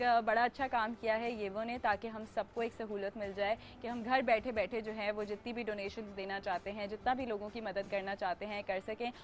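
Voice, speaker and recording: A woman from Pakistan hosting a casual talk show, playful and quick to laugh, often switching into English. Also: mid-range voice.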